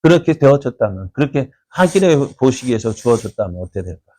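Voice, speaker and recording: A man preaching a dawn prayer sermon as pastor, asking his congregation many rhetorical questions and acting out quoted voices in loud bursts. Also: mid-range voice, big pitch swings, quick pace, no room sound.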